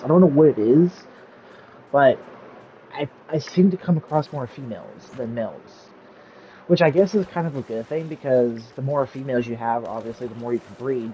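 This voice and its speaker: A medium-pitched man narrates a casual game tutorial for YouTube, wandering off track and stuffing his speech with fillers. He says his voice is going. The audio sounds dull, with slight background noise.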